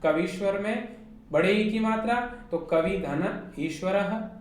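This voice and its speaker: A woman's voice: medium pitch, slow pace, darkish tone. A woman teacher with a Hindi accent giving an online class lecture, explaining step by step and asking her students rhetorical questions. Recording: very echoey room with faint noise.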